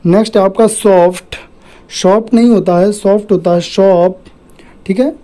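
Mellow-voiced woman teaching patiently. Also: mid-range voice, steady tone, moderate pace, poor audio. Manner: repeats "theek hai" after each point, patient and methodical. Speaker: shorthand teacher. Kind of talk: explaining a lesson on screen.

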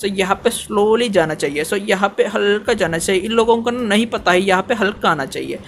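A man giving excitable, chatty gameplay commentary as a channel host, often dropping in English fillers. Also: sits high, fairly quick, soft background music.

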